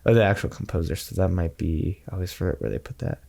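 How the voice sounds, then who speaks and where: Low gravelly man in casual chat. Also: quick pace, warm tone. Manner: rambling, dry joking. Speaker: podcast co-host.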